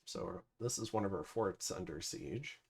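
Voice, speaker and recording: A man with a deep, creaky voice comments at a measured pace over slight background noise. Casual let's-play commentary on his strategy game turns, he muses aloud and fills it with plenty of fillers.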